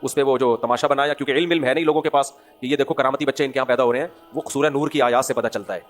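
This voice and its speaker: A man with a Pakistani Urdu accent giving a religious lecture to an audience. He preaches with animation, pushing out emphatic rhetorical questions and then dropping into low asides. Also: steady tone, faint music behind. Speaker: Islamic scholar giving a lecture.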